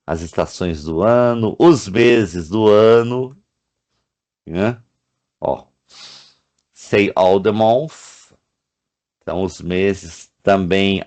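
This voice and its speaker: Brief: man from Brazil, online English teacher. Lowish voice, unhurried, explanatory lecture delivery. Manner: slow, explanatory, reads English words aloud one by one; frequent checking tags like "né?" and "ó".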